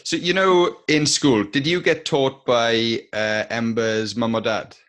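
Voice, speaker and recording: A man with a strong South Wales accent hosting a podcast in a casual, informal, halting way. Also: medium pitch, steady tone, fairly bright tone. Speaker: podcast host. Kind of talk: casual chat, interviewing.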